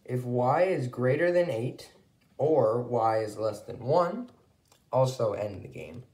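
A man with a mid-pitched voice dictates code for a programming tutorial. He reads it out piece by piece, symbol by symbol. The room around him is clearly echoey. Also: expressive, slow, a little mellow. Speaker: tutorial host. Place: indoors, room with wooden surface.

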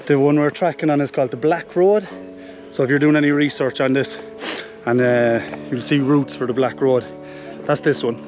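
A man's voice: medium pitch, faint music behind. Irish man talking while hiking. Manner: relaxed and explanatory, with filler pauses. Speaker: hiking vlogger. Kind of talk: casual walking commentary. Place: open mountainside outdoors. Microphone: camera held at arm's length.

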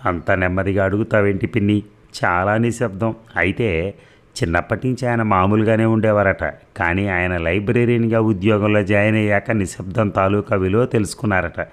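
A weary young wife from a comic audio story, hushed and grumbling about her home. The voice is low, since a man reads her part. She sounds plain rather than strongly acted. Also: steady tone, fairly quick, lightly acted. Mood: complaining. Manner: hushed, complaining.

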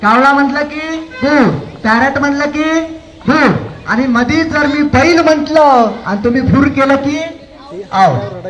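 A man's voice: very high voice, unhurried, pauses often, a bit bright. A man hosting comedy games for children at a community celebration, joking with and coaxing the kids. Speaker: event host running children's games. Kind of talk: live comedy game hosting. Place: outdoor community celebration stage. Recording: echoey PA sound with crowd.

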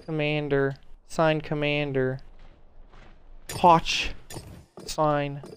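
A man's voice: on the high side, little pitch movement, extremely slow, a little hiss or hum. A man playing a video game live, talking to himself in a frustrated, heavily cursing way. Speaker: gamer. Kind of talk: live gameplay commentary.

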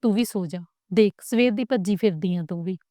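A woman voicing a gentle, caring young new mother who speaks softly and hushed, in a storybook reading. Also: medium pitch, a little fast, clear, resonant tone, no room sound, studio quality, close to an everyday voice. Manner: soft, hushed.

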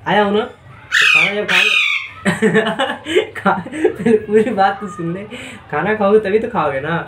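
A man's voice: sits high, wildly swooping pitch, moderate pace, far from the mic, heavy background noise. A man casually talking to his pet birds, coaxing and teasing them with the same questions over and over. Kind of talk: casual talk to pets. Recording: roomy, from off mic, loud bird squawks behind. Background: parrots squawking.

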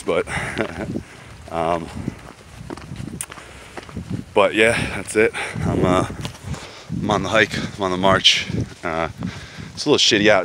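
A man's voice: sits low, noisy background. A man in a casual walking vlog, talking while he hikes through woods outdoors, in a laid-back, rambling, slangy way with lots of fillers. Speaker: vlogger walking a pilgrimage route. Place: outdoors on a woodland trail, walking.

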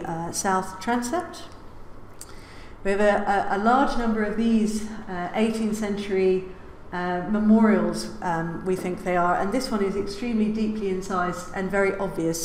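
A woman's voice: medium pitch, darkish tone. A woman giving a public lecture from a lectern, with many "uh"s and the odd wry aside. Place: lecture hall. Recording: roomy lecture hall reverb, faint hiss.

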